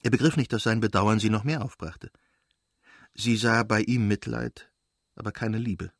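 A man reading a classic novel aloud in calm, measured audiobook narration. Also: fairly low pitch, no echo, clean studio sound. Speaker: audiobook reader.

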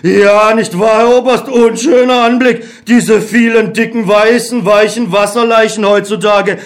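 A man's voice: high-pitched, steady tone, measured pace. A man voicing a weary, bitter young ex-soldier who speaks with mocking irony, in a dramatic reading of a stage play. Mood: accusing.

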